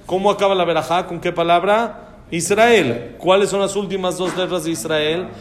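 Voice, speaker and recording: A man's voice: high voice, steady tone, normal speed. A man teaching a religious lesson on prayer, posing questions and answering them himself. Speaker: Torah teacher.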